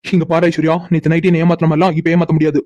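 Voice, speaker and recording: A cocky, stubborn young man in a cartoon story, voiced by a woman, who teases and mocks without letting up. He speaks very fast in a low, flat, mellow voice. The recording is dry and close. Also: no echo, dull audio, close to an everyday voice. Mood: teasing. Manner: teasing, insistent, mocking. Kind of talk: cartoon voice acting.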